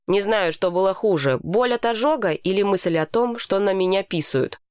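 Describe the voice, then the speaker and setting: A woman narrating a children's book in the first person, clear and even. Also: medium pitch, moderate pace, no echo, clean studio sound. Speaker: audiobook narrator. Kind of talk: scripted narration.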